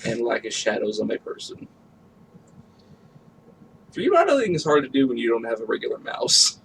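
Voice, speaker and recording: A man's voice: mid-range voice, huge pitch swings, moderate pace, a little hiss or hum, rough recording. A man chatting casually as a co-host on a stream, teasing and sarcastic. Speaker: co-host friend. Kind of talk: casual chat.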